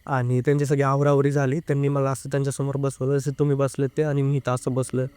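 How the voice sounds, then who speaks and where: A young man telling a personal story as an interview guest, speaking earnestly and haltingly, with filler sounds. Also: mid-range voice, monotone, darkish tone, clear, resonant tone, no room sound. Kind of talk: casual first-person storytelling.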